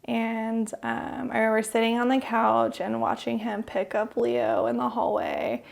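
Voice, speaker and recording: Halting woman with a gravelly voice. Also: a little high, level tone. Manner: halting, many fillers, drops to a whisper at hard moments. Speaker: podcast co-host. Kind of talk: personal storytelling.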